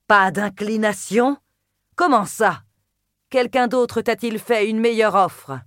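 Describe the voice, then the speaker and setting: Woman reads a haughty goddess, higher and louder than her narration, cutting and commanding, dry close read. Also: takes it slowly, no echo. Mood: furious. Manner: cutting, imperious, spits words. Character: wrathful proud goddess, cold and commanding. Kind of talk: audiobook character voice.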